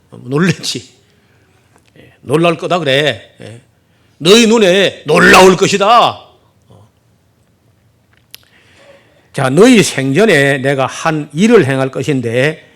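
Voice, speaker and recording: A middle-aged man preaching a sermon, animatedly acting out the prophet's complaints with rhetorical questions. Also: on the high side. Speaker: pastor. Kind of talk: expository sermon.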